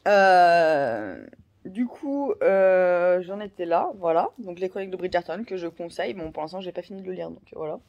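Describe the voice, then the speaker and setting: A woman's voice: fairly low pitch, expressive, normal speed, dull audio. A woman in her thirties chatting casually in a vlog, rambling with many fillers and restarts. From France. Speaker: vlogger.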